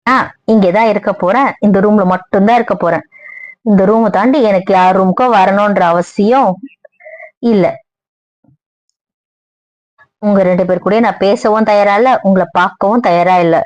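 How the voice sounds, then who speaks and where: A woman's voice: mid-range voice, moderate pace, darkish tone, no room sound, natural voice. A woman voicing an indignant young wife who argues and scolds, in an amateur audio drama with a dull, dry recording. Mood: cold. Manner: scolding, argumentative.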